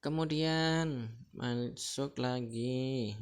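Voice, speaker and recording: A man's voice: medium pitch, very slow, smooth. A man from Central Kalimantan, Indonesia, teaching a lesson in a casual, chatty way and often checking in with the listener. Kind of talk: casual explanatory lecture.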